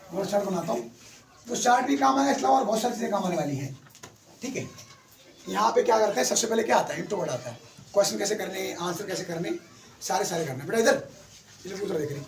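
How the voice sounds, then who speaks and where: A man's voice: high-pitched, a little hiss or hum. A man teaching an English class, quizzing his pupils and calling them beta. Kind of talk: classroom lesson. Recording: echoey classroom from far off.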